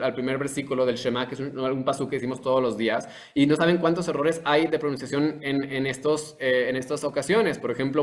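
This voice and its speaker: A man teaching a course online, asking questions and answering them himself, with frequent restarts and pauses. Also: medium pitch. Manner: explanatory, asks and answers his own questions; many restarts and filler pauses. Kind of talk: online lecture.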